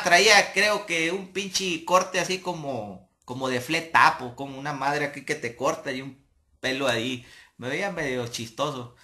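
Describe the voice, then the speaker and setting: Bright-voiced, swearing Mexican storyteller. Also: male voice, on the high side. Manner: profane, animated, laughs as he talks. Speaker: comedian telling an anecdote. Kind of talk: casual storytelling.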